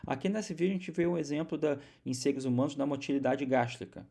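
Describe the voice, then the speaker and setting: A man's voice: on the high side, steady tone, a little fast, gravelly, mellow. A man from Brazil giving a recorded university biology lecture, explaining step by step with many restarts and repeated words.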